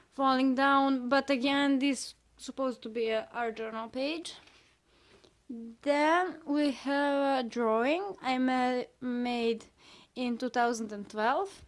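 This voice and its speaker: A young Serbian woman, speaking with the accent of her first language, casually tours her sketchbook and comments on each page. Her voice sits high, and she talks with hesitant pauses and self-critical asides.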